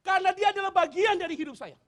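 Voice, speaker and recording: A man, preaching a sermon. He jokes and swings between loud bursts and hushed asides. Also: extremely high pitch, quick pace. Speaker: pastor.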